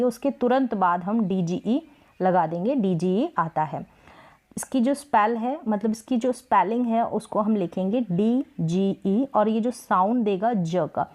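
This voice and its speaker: A woman teaching English spelling rules, patiently repeating example words slowly for practice. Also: mid-range voice, dark tone. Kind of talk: Hindi-language spelling lesson.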